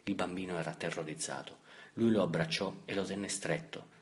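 A man reading a novel aloud as an audiobook narrator, in a measured, steady way. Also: low-pitched. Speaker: audiobook reader. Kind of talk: scripted literary narration.

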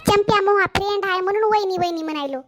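A woman's voice: extremely high pitch, fairly bright tone, slight background noise. A woman voicing a cheeky, gossipy schoolboy in a cartoon, speaking an in a teasing way. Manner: teasing, nosy, fast banter. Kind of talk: cartoon voice acting.

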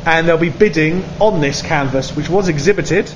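A man who runs the charity films the artist inside a pub and speaks earnestly and at length from behind the camera, his voice a little high and his speed normal. Captured on the camera mic, the audio is dull, with background noise clearly audible.

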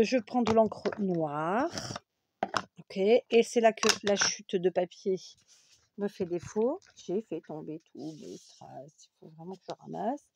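A woman's voice: medium pitch, background noise. A woman hosting a casual scrapbooking tutorial, chatty and full of fillers, correcting herself as she works at a craft table.

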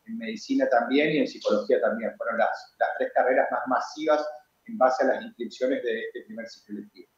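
Man in his forties, measured rector answering over a video call, roomy dull sound, lots of "eh". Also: mid-range voice. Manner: measured, explanatory, frequent hesitation fillers. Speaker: university rector. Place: office with flags and bookshelf.

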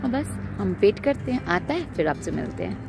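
Holding her phone at arm's length, a family vlogger in her thirties chats playfully to the camera on a road trip, first in a roadside restaurant garden and then in a car, mixing in English words. Her medium-pitched, creaky voice is sing-song and moderately paced over loud music.

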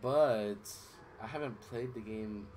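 This is casual gameplay commentary from a young man streaming a video game; he rambles, drifts off his train of thought, and swears in passing. His mid-range voice is slow and a little mellow, recovering from strain, with a little hiss or hum and game music behind it.

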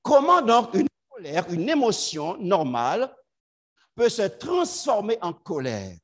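Guy preaching a sermon, high voice that jumps all over, loud then soft, calls everyone brothers and sisters. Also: very animated, slow pace.

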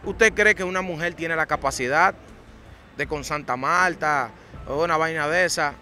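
Man, bright voice, probing questions. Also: on the high side, moderate pace, faint music behind. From Dominican Republic. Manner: direct, probing questions with slangy asides. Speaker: interviewer. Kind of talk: documentary street interview.

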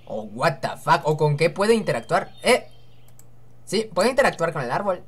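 A woman's voice: fairly low pitch, very animated, moderate pace, breathy edge. Chatty young woman narrating a game. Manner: chatty and joking, musing aloud to herself. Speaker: gaming channel host. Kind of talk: casual let's-play commentary, reading game dialogue aloud.

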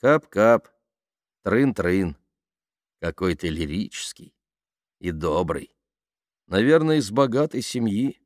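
A man voicing a tough, sharp-tongued woman driver who barks orders and mocks. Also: lowish voice, big pitch swings, takes it slowly, pauses often, no echo, clean studio sound. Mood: mocking. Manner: harsh and shouting, then mocking.

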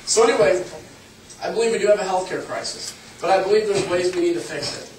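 A man in his thirties from Illinois addresses a town hall crowd in an earnest, direct campaign speech. His voice sits a little high for a man. He sounds far from the microphone in a roomy, echoing space with a faint hum of ambience. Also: quick pace. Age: 30s. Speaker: congressional candidate. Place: public meeting room. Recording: echoey room, far from the mic, faint ambience.

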